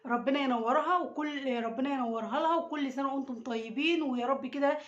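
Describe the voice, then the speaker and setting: A woman's voice: high voice, quick pace, dull audio. A woman with an Egyptian accent chatting casually to camera, teasing and repeating herself, filmed on a phone at home. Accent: Egyptian Arabic. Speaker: mother filming a prank on her daughter. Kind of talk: casual vlog talk to camera. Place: home indoors.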